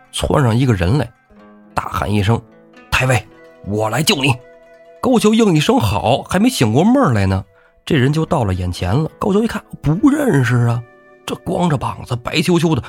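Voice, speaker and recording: A man telling a classic tale as the show's host, with lively, jokey asides to the listener. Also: medium pitch, gravelly, husky. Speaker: storyteller host. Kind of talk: humorous storytelling of a classic novel.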